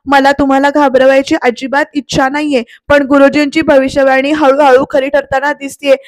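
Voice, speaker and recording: A woman's voice: sits high, level tone, moderate pace, no echo, natural voice. A woman voicing an insistent aunt who keeps pressing her warnings. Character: insistent alarmist aunt, stirring fear.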